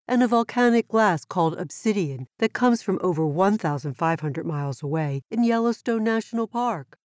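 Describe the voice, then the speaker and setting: A woman voicing a smart, patient tortoise who explains things precisely and in a measured way for a children's educational show. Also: deep voice, a little mellow, no room sound, clean studio sound. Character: super smart tortoise, patient, knowledgeable and friendly. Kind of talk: scripted educational dialogue for children.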